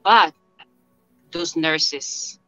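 A woman's voice: low-pitched, drawn-out words, pushed and bright, no echo, soft background music. A woman from Liberia, a nurse volunteer, earnestly recalling her return home in a video call interview. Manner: earnest, emotional recollection. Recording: dull lo-fi call audio.

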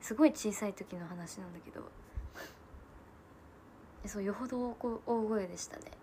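A Japanese livestream host in her twenties speaks in a mid-range voice at a moderate pace, chatting about family and answering viewers' comments. Frequent laughs and soft asides punctuate her storytelling, and the audio has a little hiss or hum.

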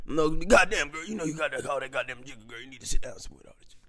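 A man's voice: medium pitch, animated, rapid-fire, pushed and bright. A man hosting a reaction video, talking casually with lots of slang and cursing and exclaiming as he watches.

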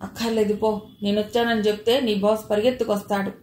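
A fearless young man, as a woman narrator puts him on, snaps harsh, commanding threats. His voice sits mid-pitch with a roomy echo around it and a faint hiss underneath. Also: little pitch movement, fast talker, darkish tone, lightly acted. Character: bold, fearless young male hero, commanding.

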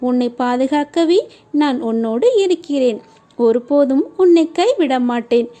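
High, mellow-voiced woman reading devotions. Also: measured pace. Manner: steady, earnest reading addressed to the listener. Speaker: devotional message reader. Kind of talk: scripted devotional message.

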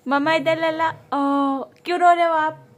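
A young woman talking to her baby son in loud, high, sing-song baby talk. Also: steady tone, unhurried. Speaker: mother.

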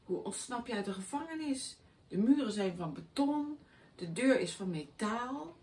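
A woman's voice: on the high side, expressive, moderate pace, a little mellow, distant mic, close to an everyday voice. A woman voicing a dim, self-pitying man who once packed candy, whiny and indignant, in a raised voice. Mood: fretful.

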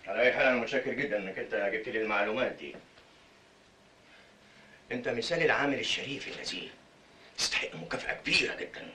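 A man's voice: mid-range voice, animated, rapid-fire, long pauses, sharp tone, a little hiss or hum. An actor playing a self-assured male factory owner with an Egyptian accent, speaking in a patronising way. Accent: Egyptian Arabic. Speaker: company boss.

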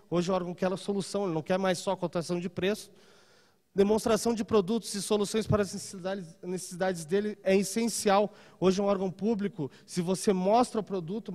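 A man in his thirties, speaking as a trade seminar presenter, addresses a large conference room live through a handheld mic. His high, slightly mellow voice carries a long reverb tail, and his conversational style leans on frequent "tá?" and "né?" check-ins.

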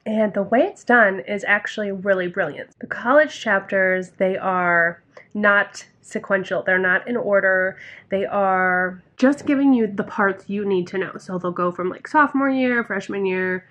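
In a casual reading vlog shot indoors across a hotel room and a car, a woman in her thirties discusses a book with a handheld phone camera at arm's length. Her voice sits mid-range with a slightly bright quality, though the audio sounds dull overall. She's open and conversational, dropping the odd swear word.

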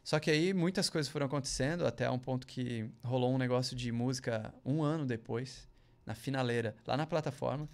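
On a podcast, a male guest with a medium pitch and a darkish tone talks a little fast through a long, casual story. He rambles slangily, throws in "cara" and "velho" asides, and acts out others' lines in a raised voice.

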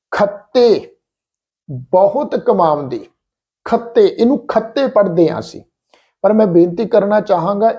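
A man from Punjab teaching scripture pronunciation in a patient, slow lesson, repeating each word carefully. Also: high-pitched, warm tone. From Punjab, India. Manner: patient, repeats words slowly and deliberately. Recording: slightly dull lo-fi recording.

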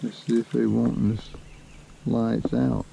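Slow-drawling man on a lake. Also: medium pitch, level tone, vocal fry, dark tone, a little hiss or hum. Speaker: fishing vlogger. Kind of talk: casual fishing commentary. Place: small boat on a lake, outdoors. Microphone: action camera on the boat. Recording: faint outdoor lake ambience.

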